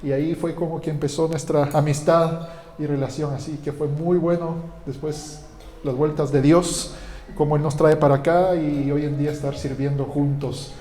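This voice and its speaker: A man's voice: on the high side, level tone, moderate pace, warm tone. A man from Guatemala, a pastor, giving a conversational sermon with frequent fillers and restarts. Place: church hall. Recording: echoey church hall with long reverb.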